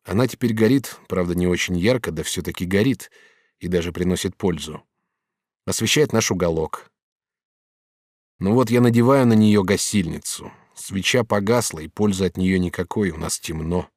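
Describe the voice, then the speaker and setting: A man's voice: low-pitched, darkish tone, dry recording, studio quality. A man playing a proud, commanding master artist. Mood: measured. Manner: firm, measured, commanding. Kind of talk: audiobook character reading.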